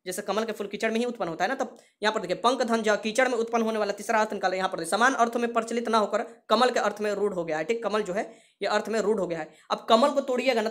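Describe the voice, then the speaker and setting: Brisk woman teaching grammar. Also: fairly high pitch. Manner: repeats key terms and asks the class questions; drops English words into the explanation. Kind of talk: exam-prep grammar lesson.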